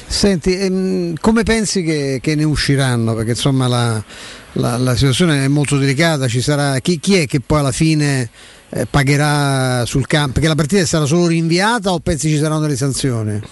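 A man's voice: on the high side, moderate pace. A man co-hosts a radio sports show in a slightly raised voice. He asks the guest his questions hesitantly, searching for words as he goes.

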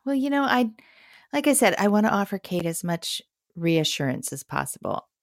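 A woman's voice: mid-range voice, big pitch swings, moderate pace, vocal fry, no echo, clean studio sound. A woman hosting an interview, listening with frequent agreement and asking her guest questions. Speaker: interview host. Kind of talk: conversational interview.

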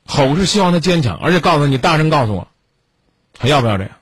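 Guy hosting a call-in advice show, gruff husky voice, scolding the caller hard, pitch all over the place. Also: animated, fast talker, no echo. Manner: stern, scolding lecture with pointed questions. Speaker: radio call-in advice host.

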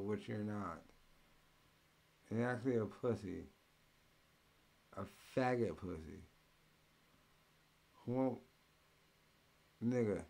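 A man ranting in mocking commentary as the host, full of profanity and loud mimicking bursts. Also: medium pitch.

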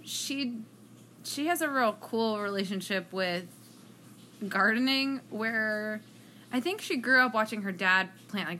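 A woman's voice: medium pitch, bright, forceful tone, a little hiss or hum. A woman hosting a podcast in casual chat, laid-back and upbeat. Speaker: podcast host.

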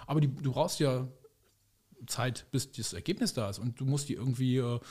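A man's voice: mid-range voice, normal speed, a little mellow, breathy edge. A man co-hosting a podcast in casual chat, a rambling, sarcastic storyteller full of fillers. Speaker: podcast co-host.

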